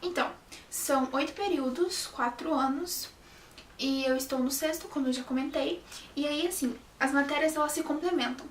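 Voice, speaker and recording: A young woman studying journalism chats casually to the camera, frequently restarting her sentences and saying "sabe?" a lot. Her voice is high and her pace moderate. The recording has a little hiss or hum, a roomy echo, and a mic placed a bit far away.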